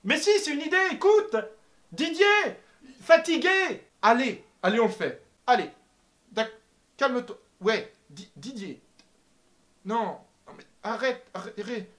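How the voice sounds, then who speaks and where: A young man putting on a bossy male creator who pitches ideas in a meeting with a made-up, mangled accent. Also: very animated, measured pace, fairly bright tone, exaggerated voice. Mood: insistent. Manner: bossy, insistent, mixed-up accent.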